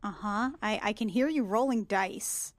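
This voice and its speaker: Over a loud crowd, a woman speaks at medium pitch and normal speed. She's a tabletop roleplaying player, chatting informally and playfully about what her character is doing.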